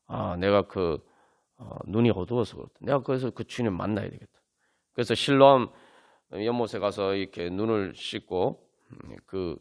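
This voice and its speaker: Animated Korean pastor preaching. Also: male voice, on the low side. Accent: Seoul Korean. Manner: earnest preaching with many fillers, rising to emphatic peaks. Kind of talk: sermon at a Friday prayer meeting. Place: church sanctuary.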